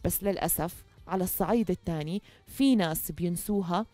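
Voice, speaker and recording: A young Jordanian woman presents in a studio, close on a headset mic, with a soft, mellow tone and a very dry sound. She talks conversationally and earnestly, stressing her points, over faint music. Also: on the low side, a little fast, dry recording. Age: young adult. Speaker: talk show host. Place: TV studio, indoors.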